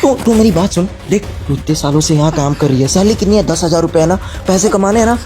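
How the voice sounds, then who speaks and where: An actor playing a lecherous husband who coaxes slyly and turns blustering and defensive when caught, in a melodrama. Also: male voice, high voice, quick pace, warm tone, soft background music, natural voice. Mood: coaxing, sleazy. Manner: coaxing, then blustering and defensive. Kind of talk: social-media melodrama acting.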